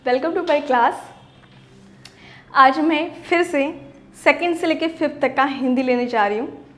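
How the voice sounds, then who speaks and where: A woman teaching a primary school Hindi class online, patiently drilling words slowly and often asking "ठीक है?" with a rising lift. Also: high voice, a bit bright. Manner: slow, drawn-out word drills. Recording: roomy echo.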